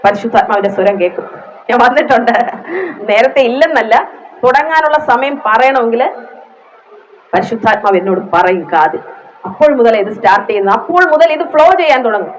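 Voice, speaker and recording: Brief: woman preacher with a Malayali accent, higher-pitched, emotional sermon delivery, faint room noise. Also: expressive, a little fast, long pauses, poor audio. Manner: emotional, rising into fervent prayer; frequent hallelujahs.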